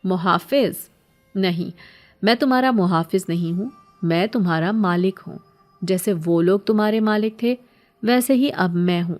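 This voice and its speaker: A possessive male jinn, cold and commanding, low and menacing in a horror storybook, as a woman puts him on. The tone is dark and mellow and does not rise much above her own range. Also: soft background music, close to an everyday voice. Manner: low, menacing, roaring when angry.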